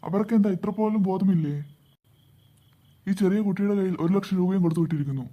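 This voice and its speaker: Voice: mid-range voice, fast, lo-fi sound, natural voice. An actor doing a stern cartoon policeman. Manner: scolding, disapproving. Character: stern adult male police officer. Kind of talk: cartoon voice acting.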